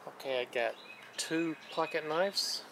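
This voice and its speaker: A man hosting his own channel, calmly walking through the items he found one by one in casual show-and-tell narration, recorded outdoors on a dock. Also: a little high, noisy background. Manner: plain, unhurried, listing items one by one. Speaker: channel host showing magnet fishing finds. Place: outdoors on a wooden dock by a lake.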